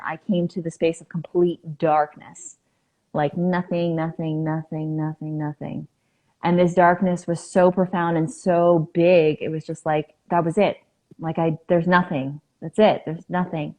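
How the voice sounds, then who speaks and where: A woman guest on a podcast, telling a personal story in an earnest, halting way with many fillers. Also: fairly low pitch, little pitch movement.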